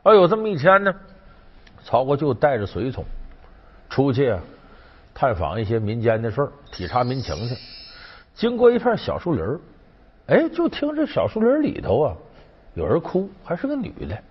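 A man tells an old legend in a casual, chatty way, his voice swinging up and down as he acts out the characters. His tone is a little husky. The sound is dull and lo-fi, with a long reverb trailing behind. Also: medium pitch, moderate pace, long pauses. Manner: chatty, lively, acts out quoted lines. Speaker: storyteller. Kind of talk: casual folk-tale storytelling.

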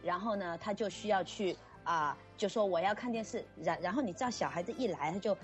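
A woman teacher in casual podcast chat, telling lively stories and acting out children's voices. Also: mid-range voice, a little fast, soft background music. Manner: animated storyteller, acts out crying children.

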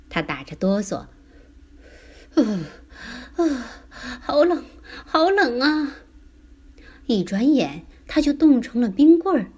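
A woman reading a picture book aloud to children, taking her time with each phrase. Her pitch is mid-range, and she rises and falls expressively through the story. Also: slightly rough. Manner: slow, expressive, lively storytelling.

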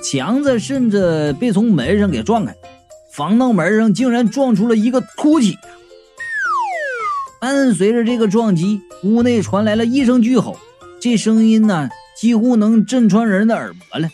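Lively comic storyteller over soft music. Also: medium pitch, normal speed. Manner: lively, animated, acts out characters.

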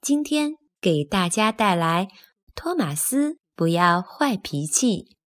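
Slow, lively woman reading to children. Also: mid-range voice. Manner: lively and expressive, speaking to children. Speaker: children's storyteller. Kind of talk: children's story narration.

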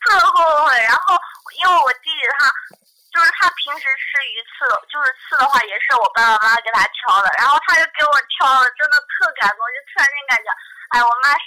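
Young female guest, high and bright, chatty storyteller, phone-line sound. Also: fast talker. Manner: chatty, strings clauses with "then". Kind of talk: casual chat, storytelling.

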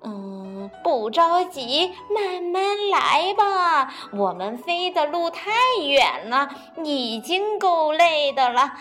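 A woman's voice: sits high, very animated, a bit bright, soft background music, pitched above the performer's own voice, heavily acted. Woman voicing a sly coaxing crane. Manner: coaxing, drawn-out words.

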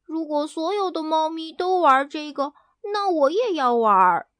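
A woman voicing a small, brave, excitable female chick in a bedtime story, with squeaky, high chirping exclamations. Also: takes it slowly, no echo, full character voice. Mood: excited chirping.

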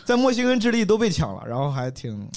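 A man's voice: high voice, quick pace. A young man from Henan, a stand-up comedian, telling a story in a casual chat and laughing as he goes. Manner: animated, laughs while telling stories.

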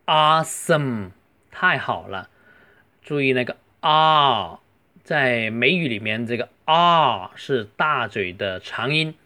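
Slow-paced man teaching English words. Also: mid-range voice, lively intonation, bright, forceful tone. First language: Chinese. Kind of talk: language lesson explaining pronunciation.

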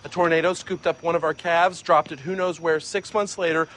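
A man's voice: fairly high pitch, steady tone, normal speed, fairly bright tone, a little hiss or hum, natural voice, poor audio. An actor playing a folksy man who tells a tall tale about his family farm, in a sitcom scene. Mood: storytelling. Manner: folksy storytelling.

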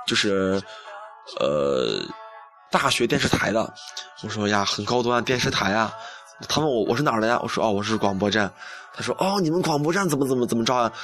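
A man's voice: fairly low pitch, a bit bright. A young man hosting a campus radio show, telling a story in a chatty, self-mocking way and acting out the dialogue. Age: young adult. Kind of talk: casual monologue.

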